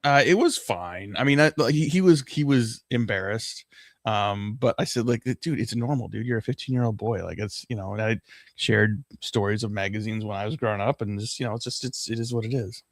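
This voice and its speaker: Middle-aged male host, booming voice, dry close sound, rambling and jokey. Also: brisk, no echo. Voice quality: loud booming voice. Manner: joking, self-deprecating, rambling with many restarts. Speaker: podcast host. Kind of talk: casual livestream chat. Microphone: not using the desk mic.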